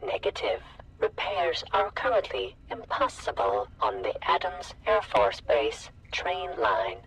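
A stern processed security computer. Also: male voice, high voice, sing-song, unhurried, vocal fry, fairly bright tone, slight background noise, heavily acted, rough recording. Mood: formal alert. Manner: clipped, formal system announcements. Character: male security computer terminal, stern and formal. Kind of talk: video game voice acting.

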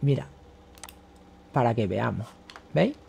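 Gravelly man, agitated vlogger. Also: mid-range voice, animated, takes it slowly, warm tone, slight background noise. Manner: agitated, rambling, swears often. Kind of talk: casual monologue to camera.

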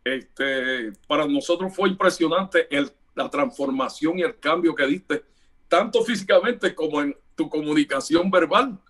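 A middle-aged radio announcer from Puerto Rico talks as a guest in a casual interview. His voice sits somewhat high for a man. He tells his stories with animation and acts out the dialogue in them. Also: measured pace, a bit bright.

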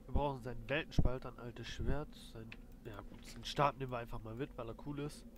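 Casting: male let's play host, medium pitch, colloquial thinking-aloud commentary, loud game noise behind him. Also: fairly even intonation, fairly quick. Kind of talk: casual gameplay commentary. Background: video game sounds.

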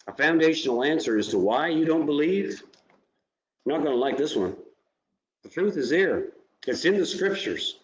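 A man's voice: mid-range voice, roomy sound, poor audio. A man preaching a sermon as pastor, speaking earnestly and directly to his listeners. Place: church sanctuary.

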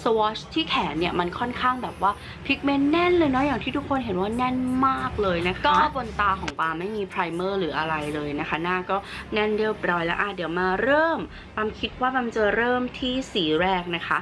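A woman's voice: mid-range voice, animated, a little fast, few pauses, background noise. A woman beauty vlogger giving a chatty, upbeat makeup review and explaining each step as she works. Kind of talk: casual makeup tutorial and product review.

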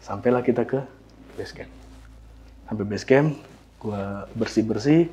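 A man with telling a hiking story in a casual, animated way, acting out voices and sounds. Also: lowish voice, a little slow.

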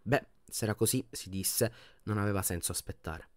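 A man narrating an audiobook in an expressive reading voice that often drops to a hushed tone. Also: fairly low pitch, moderate pace, no room sound, studio quality. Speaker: audiobook reader.

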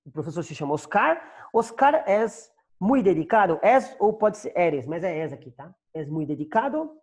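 A man's voice: sits high, sing-song, moderate pace, darkish tone. A man with a Brazilian Portuguese accent teaching an online Spanish class, patiently repeating and translating each phrase.

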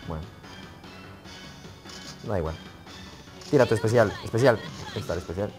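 A man with a Spain Spanish accent giving excitable live commentary on a game he is playing. He swears casually and talks straight to the game. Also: on the low side, normal speed, soft background music. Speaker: gaming YouTuber.

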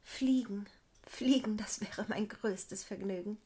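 A woman's voice: mid-range voice, fairly quick, natural voice. A woman storyteller voicing a joyful, eager young girl in a fairy tale. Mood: longing. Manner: excited exclaiming.

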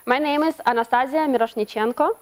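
A woman from Ukraine, giving a conference talk as a web developer, often restarting her words. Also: sits high. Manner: hesitant, frequent restarts and broken-off words. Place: conference hall.

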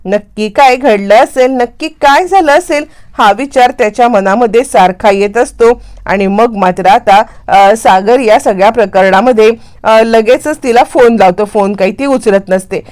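A woman's voice: on the high side, moderate pace, a little mellow. A woman retelling a serial story, dramatically acting out the characters' lines in her own voice.

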